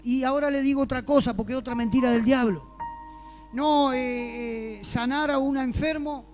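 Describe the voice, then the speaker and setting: A man's voice: very high-pitched, lo-fi sound. A man with an Argentine accent preaching a fervent sermon in church and asking the congregation rhetorical questions.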